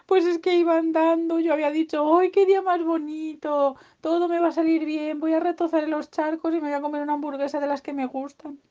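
A woman's voice: high voice, little pitch movement, a little fast, few pauses, mellow, voice pushed up, close to an everyday voice. A woman voicing a whiny, easily upset little male pig-dinosaur in a bedtime story, wailing her complaints. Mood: whining. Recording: dull lo-fi recording.

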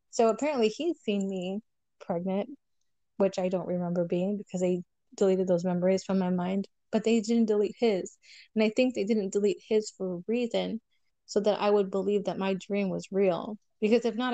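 Woman telling a candid story, mellow tone. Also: mid-range voice, fairly even intonation, normal speed, no room sound. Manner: candid storyteller, acts out quoted dialogue. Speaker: guest telling a personal story. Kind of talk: casual podcast chat.

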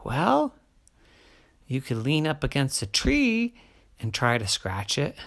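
A storyteller voicing a small, slow, kind female tortoise who answers in a matter-of-fact, helpful way in a children's bedtime story. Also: medium pitch, wildly swooping pitch, vocal fry, a bit bright, exaggerated voice. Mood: earnest.

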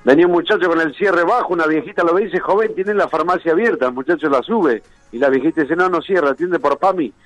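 A man's voice: fairly high pitch, quick pace, few pauses, soft background music, poor audio. A man with a Rioplatense Spanish accent telling one joke after another on a radio show, laughing at his own punchlines. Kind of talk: rapid-fire joke telling.

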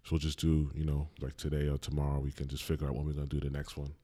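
Chill podcast host guy, real low voice, slangy and laughs a lot. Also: completely flat delivery, very fast, mellow. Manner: laid-back, laughs often, heavy slang. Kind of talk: casual podcast chat.

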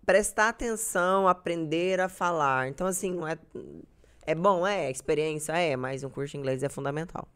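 Low-voiced and brisk with a clean tone, a young woman from Brazil chats casually on a podcast. She tells stories that poke fun at herself.

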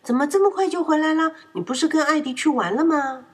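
A woman voicing a kind mother in a children's story, who speaks gently and asks a lot of questions. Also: on the high side, expressive, normal speed, husky, voice pushed up. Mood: motherly. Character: kindly surprised mother.

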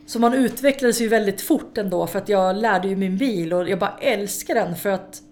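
A woman, a guest in an interview, telling lively stories about racing her car, swearing freely and laughing along the way. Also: medium pitch, slight background noise. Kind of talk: casual interview storytelling.

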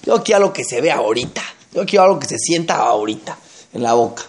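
A man's voice: mid-range voice, lively intonation, voice pushed down, close to an everyday voice. [name], a man doing a blunt hungry young man. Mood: impatient. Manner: blunt, dismissive, quick. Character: coarse impatient young man, hungry, wanting everything now.

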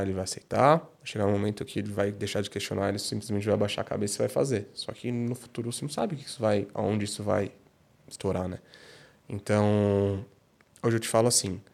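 A man's voice: fairly low pitch, gravelly, a little mellow. A Brazilian man guesting on a podcast, earnestly telling stories about being a father and often ending phrases with a questioning tag. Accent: Brazilian Portuguese. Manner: earnest storytelling, frequent "né?" tags. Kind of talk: casual conversation.

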